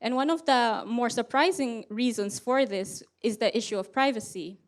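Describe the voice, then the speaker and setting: A woman giving a prepared conference lightning talk as a research presenter, explaining in a clear, structured way with rhetorical questions. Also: fairly high pitch, normal speed.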